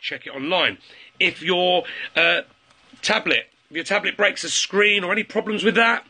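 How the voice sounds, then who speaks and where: A man's voice: high voice, moderate pace, bright, forceful tone, husky. A man giving casual sales tips on a phone livestream, chatting with viewers and repeating key phrases. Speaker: network marketing livestreamer.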